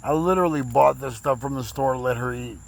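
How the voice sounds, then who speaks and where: Guy with slurred post-stroke speech, kinda rough gravelly voice, rambling on about his day, quiet outdoor noise. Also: medium pitch, brisk, poor audio. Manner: rambling, repeats words, emotional. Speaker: vlogger telling his story. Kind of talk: casual personal storytelling.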